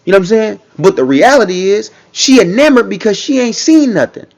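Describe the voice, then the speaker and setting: A man's voice: sits high, very animated, a little fast, gravelly. A man giving casual reaction commentary, talking in a loose, repetitive way and often checking in with the listener. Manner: conversational, repeats himself, frequent "you know what I'm saying".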